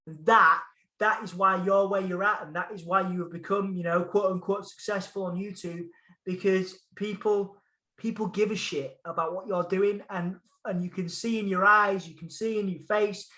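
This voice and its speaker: A man's voice: sits high, fairly even intonation, normal speed, bright, forceful tone, reverberant. A man with a Hull accent, chatting enthusiastically as a podcast guest over a call, often repeating phrases for emphasis. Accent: Hull English. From Hull, England. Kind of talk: casual interview chat.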